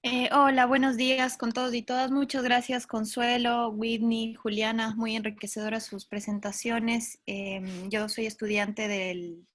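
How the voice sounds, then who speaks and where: A woman's voice: a little high, level tone, measured pace, few pauses, fairly bright tone. A young woman student politely introducing herself and asking a question of a panel. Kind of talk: audience question in an online panel.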